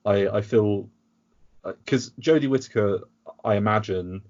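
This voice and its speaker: A man's voice: lowish voice, unhurried, darkish tone, lo-fi sound. A British man talking in a casual podcast chat, rambling and sarcastic, with frequent restarts. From United Kingdom. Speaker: podcast guest.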